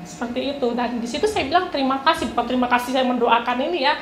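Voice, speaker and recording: A woman's voice: high voice, racing, music in the background. A woman telling a personal testimony in a church service, conversational storytelling that quotes others. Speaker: church speaker giving a testimony. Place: church hall. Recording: echoey church hall with faint ambience.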